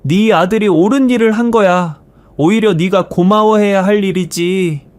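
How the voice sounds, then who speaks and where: A man's voice: mid-range voice, lively intonation, normal speed, no echo, lightly acted. A man playing an enraged grandfather. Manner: shouting, scolding. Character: furious elderly retired teacher grandfather.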